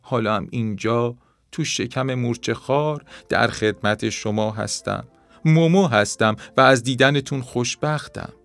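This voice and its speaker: A man voicing a newly arrived chatty young ant in a children's storybook reading, raising his voice high and lively. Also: faint music behind, natural voice. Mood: explaining.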